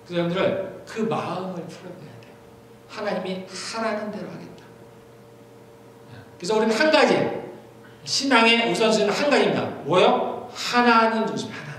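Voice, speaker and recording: A man's voice: high-pitched, fairly quick, a bit bright. A middle-aged man preaching a sermon as pastor, talking in a conversational way and repeating key phrases for emphasis. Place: church sanctuary. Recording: very echoey church hall, faint noise.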